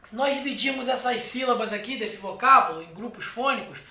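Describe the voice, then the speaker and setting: A teacher with a Brazilian accent gives a lecture at a board, talking straight to the viewer. The voice is bright and forceful and keeps checking in with quick tag questions. The room echoes around it. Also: medium pitch, animated. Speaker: exam prep teacher. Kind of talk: classroom lecture. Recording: roomy echo.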